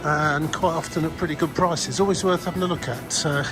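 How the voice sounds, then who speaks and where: A man's voice: a little high, steady tone, fairly quick. Chatty man, music behind him. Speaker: travel vlogger. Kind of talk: casual travel vlog commentary.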